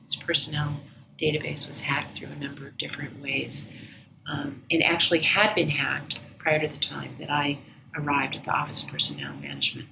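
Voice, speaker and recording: A woman with a notably low voice, recounting her story with earnest, measured calm. She often sinks almost to a whisper. The recording carries a clear hiss of background noise. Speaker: interview guest, former agency director. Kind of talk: reflective personal storytelling.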